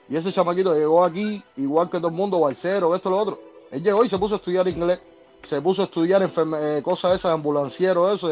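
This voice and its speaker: Excitable Cuban man on a muffled line. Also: a little high. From Cuba. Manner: loud, excitable, restarts words often. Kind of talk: casual live podcast chat.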